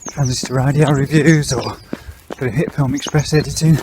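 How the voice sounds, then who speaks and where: A man's voice: medium pitch, fairly even intonation, noisy background. A man, out of breath as he talks to the camera while running outdoors on a foggy early morning. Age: 50s. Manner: chatty and frank, with breathy pauses between phrases. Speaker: vlogger.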